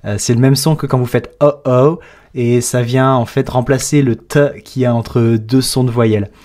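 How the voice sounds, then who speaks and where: A man's voice: mid-range voice, flat delivery, moderate pace, darkish tone. French guy teaching english accents, methodical, breaks down sounds one by one. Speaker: English pronunciation coach. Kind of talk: explanatory lesson with playback breaks.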